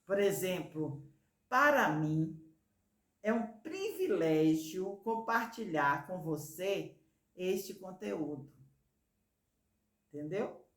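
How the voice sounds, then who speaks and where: Slow, patient woman teacher. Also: on the low side, sing-song, echoey room. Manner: patient, stretches example words syllable by syllable. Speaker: Portuguese teacher. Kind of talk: slow, careful teaching video.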